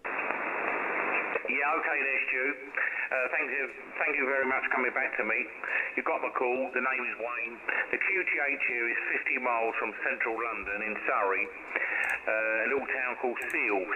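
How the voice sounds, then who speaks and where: A man's voice: medium pitch, steady tone, normal speed, highs cut off. Cheerful man on a ham radio call, static-heavy. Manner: cheerful, uses call-sign phonetics. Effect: received over shortwave radio. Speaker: caller.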